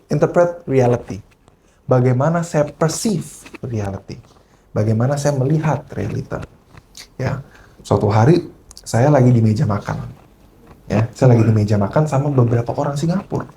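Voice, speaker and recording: A man's voice: fairly high pitch, slight background noise. A man preaching a sermon at a church service, switching into English phrases and often checking in with the congregation as he tells stories. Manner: animated storyteller.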